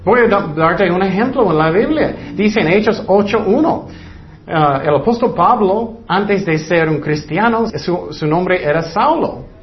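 Male preacher, high voice, plain repetitive sermon delivery, dull lo-fi recording. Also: animated, measured pace, slight background noise.

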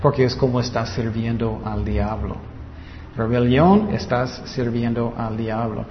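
Slow-preaching man in an echoey hall. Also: mid-range voice, a little hiss or hum. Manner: slow, deliberate preaching with rhetorical questions. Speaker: pastor. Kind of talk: sermon. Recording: muffled reverberant hall.

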